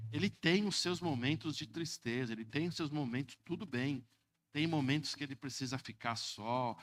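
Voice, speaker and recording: A man in his fifties with a Brazilian Portuguese accent, preaching a sermon as pastor, calling out "Amém?" and mimicking people in funny voices. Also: a little high. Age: 50s. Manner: lively preaching, mocking voices, repeated "Amém?".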